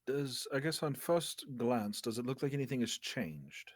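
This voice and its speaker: A man's voice: mid-range voice, sing-song, moderate pace, no room sound, studio quality. Man thinking aloud in a tabletop game. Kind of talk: casual tabletop role-play chat.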